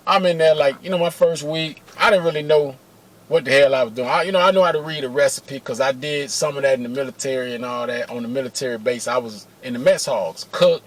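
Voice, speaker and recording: A middle-aged man telling a personal story to camera in a casual, animated way, full of slang and cursing, talking to viewers as y'all. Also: a little high. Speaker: vlogger telling personal stories. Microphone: camera mic, close.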